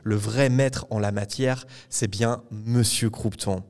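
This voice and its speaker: Speaking slowly in a lowish, darkish voice with fairly even intonation, a man hosts a podcast recorded live before an audience at a public event. In this casual book discussion, he retells a chapter at length, hesitating often.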